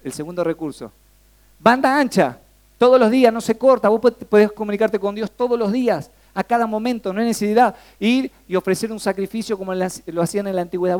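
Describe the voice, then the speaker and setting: High-voiced Rioplatense preacher quizzing the room. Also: male voice. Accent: Rioplatense Spanish. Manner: asks the congregation frequent questions, lively and conversational. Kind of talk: sermon.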